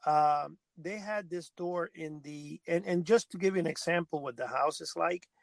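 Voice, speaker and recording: A man's voice: fairly high pitch, moderate pace, vocal fry, no room sound. A man from Cuba, co-hosting a podcast, telling a long story in a rambling way and often correcting himself. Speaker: podcast co-host. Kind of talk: casual storytelling chat.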